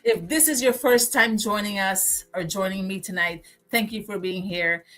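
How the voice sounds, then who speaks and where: A woman's voice: medium pitch, normal speed, a bit bright. Guyanese woman hosting a motivational livestream. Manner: preachy, repeats phrases for emphasis. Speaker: livestream host.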